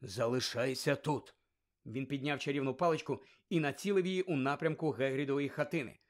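A man narrating an audiobook with lively, expressive reading. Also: fairly high pitch, fast talker.

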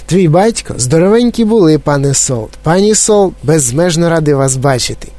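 A man voicing an eccentric, excitable male chocolate-factory owner who speaks in a high, clear, flute-like voice and gushes with delight. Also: normal speed, close to an everyday voice. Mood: gushing, excited. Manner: effusive, bubbling with excitement. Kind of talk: audiobook character voice.

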